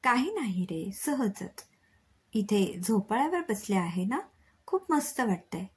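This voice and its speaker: A woman voicing a cheerful, teasing young female college student in a storybook reading, with a breathy voice. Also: medium pitch, expressive, measured pace, a little mellow. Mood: playful.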